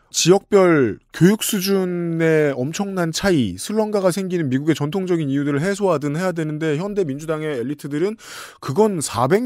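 A man's voice: a little high, a little mellow, no echo, studio quality. Chatty man hosting a talk show. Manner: conversational, quick back-channel murmurs. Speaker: podcast host. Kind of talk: casual talk show chat.

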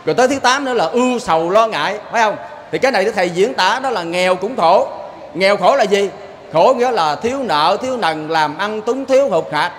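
High-voiced Southern Vietnamese man preaching. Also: animated, fairly quick. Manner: folksy, keeps asking "see?" of the listeners. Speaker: Buddhist lay preacher. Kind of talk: sermon with storytelling.

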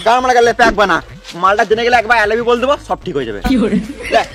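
A man's voice: very high voice, rapid-fire. A man playing a fussy, quibbling young drinker in an amateur comedy skit, full of slang. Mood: casual. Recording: music playing behind the voice.

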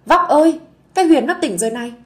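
A woman voicing a loud, bossy village sister-in-law who shouts urgently. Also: a little high, animated, normal speed, lightly acted. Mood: frantic.

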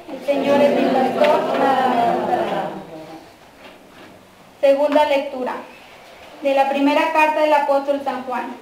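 A Mexican woman leading the prayers and readings at a mass, reciting in a measured, even way in a church. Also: high-pitched. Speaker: prayer leader at a quinceañera mass. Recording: echoey church from far off, faint noise.

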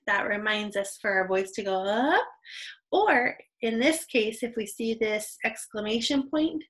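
A woman's voice: on the high side, a bit bright, rough recording. A young adult woman teaching an online reading lesson to young children, patient and encouraging, on a computer microphone.

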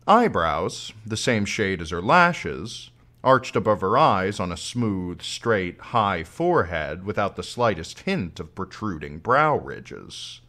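A man reading a novel aloud as audiobook narration, slow and expressive. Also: low voice. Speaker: audiobook reader.

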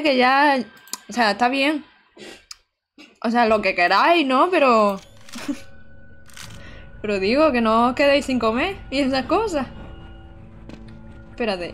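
An excitable streamer from Almería in Andalusia, Spain, speaks in a high voice while commentating live-streamed gameplay. She's chatty, talks to her chat, and exclaims often.

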